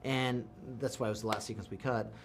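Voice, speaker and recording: A man's voice: mid-range voice, quick pace, a little hiss or hum. A man being interviewed as an action film director, giving casual, rambling, enthusiastic explanations full of analogies. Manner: animated rambling explanations with self-quotes and analogies.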